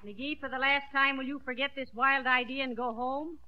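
An actress playing a long-suffering wife with dry screwball retorts, in 1940s radio comedy style. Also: female voice, sits high, fairly even intonation, moderate pace, heavy background noise, close to an everyday voice. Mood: dry, scolding. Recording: dull vintage radio recording.

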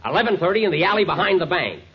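Wry, lively comic gang boss. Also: male voice, high-pitched, very fast, heavy background noise. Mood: bossy, exasperated. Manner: wry, bossy, nagging. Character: fussy, exasperated comic gang boss dwarf. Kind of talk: 1930s radio comedy acting. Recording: muffled old radio recording with music.

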